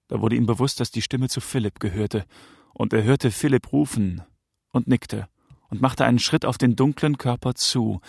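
A man narrating an audiobook of a crime novel with a gravelly texture to his mid-range voice. His reading is measured and tense, recorded dry and close with no room sound. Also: mid-range voice, a little mellow, dry recording.

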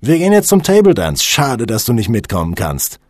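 A man's voice: mid-range voice, huge pitch swings, a little mellow, no room sound, clean studio sound, voice pushed up. Man voicing a brash young ringleader. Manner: brash, reassuring, fast.

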